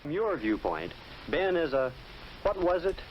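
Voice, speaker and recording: A man's voice: fairly high pitch, very animated, measured pace, over a noisy crowd. A man playing an earnest narrator of an old educational film, posing probing questions. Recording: dull old film audio, loud music.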